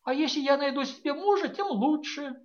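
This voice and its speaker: Audiobook casting: a woman voicing a teary young daughter, high and pleading, theatrical, slightly dull recording. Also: a little fast, lightly acted. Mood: insistent.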